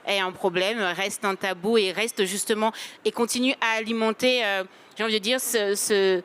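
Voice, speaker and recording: A woman in her late thirties who grew up in Cameroon, giving a measured personal account as a panel guest. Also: mid-range voice, fairly even intonation, fairly bright tone, clean tone. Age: late 30s. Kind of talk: personal testimony in a panel discussion.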